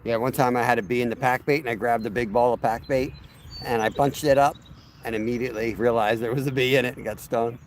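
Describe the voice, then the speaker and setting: A fishing channel host talks fast in a mid-range voice with fairly even intonation as he vlogs outdoors by a river. He's relaxed and addresses his viewers directly in casual chat, with slight background noise behind him.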